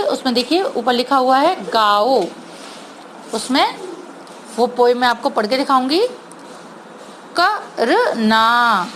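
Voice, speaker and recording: A woman teacher giving an online Hindi lesson to young children, sounding out words slowly and patiently, mixing English words into her Hindi. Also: sits high, fairly bright tone, slight background noise, rough recording. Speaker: primary school teacher.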